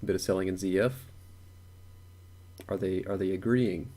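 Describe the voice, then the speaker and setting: A man's voice: sits low, steady tone, normal speed, dark tone. A young man thinking aloud while day trading on a live stream, repeating words and chuckling to himself.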